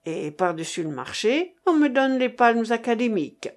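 A woman's voice: a little high, sing-song, moderate pace. A woman reading aloud, voicing a timid, self-satisfied former umbrella seller who is a man. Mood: placating.

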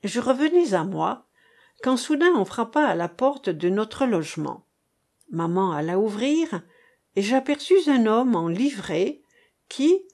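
Woman audiobook reader, slow and measured literary narration. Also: a little high, darkish tone. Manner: measured, unhurried reading.

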